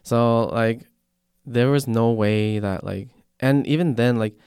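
Man, casual chat, measured explainer, smooth voice, fairly low, dry close sound. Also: darkish tone, no room sound. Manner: measured, explains his reasoning.

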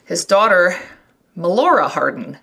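A woman co-hosting a podcast in casual chat, excitable and quick to laugh, a physics professor. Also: lowish voice, vocal fry, slightly rough. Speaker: podcast co-host.

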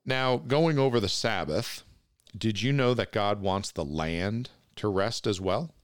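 Man, pastor, sermon, very deep voice, dry close recording, earnest scripture reading. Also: a little slow, clean tone, no room sound. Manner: reads scripture aloud, then explains it plainly to the congregation.

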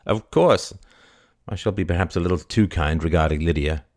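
A man reading a polite young gentleman. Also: sits low, normal speed, dry recording, studio quality, pitched below the performer's own voice.

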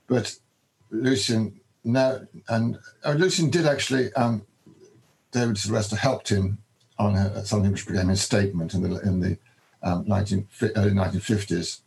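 Older man, gravelly, halting answers. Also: on the low side, steady tone, darkish tone, a little hiss or hum, poor audio. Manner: hesitant, many ums and restarts. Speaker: biographer, interview guest. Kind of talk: conversational interview answers.

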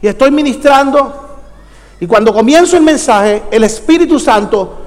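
High-voiced Puerto Rican preacher. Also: male voice, moderate pace. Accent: Puerto Rican Spanish. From Puerto Rico. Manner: dramatic storyteller, acts out dialogue, bursts into shouts. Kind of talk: storytelling sermon. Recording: long hall reverb.

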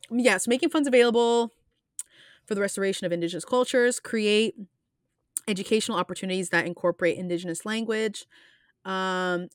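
A woman's voice: on the low side, dry recording, studio quality. A woman hosting a podcast, talking casually and earnestly, rambling with frequent restarts and fillers. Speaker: podcast host.

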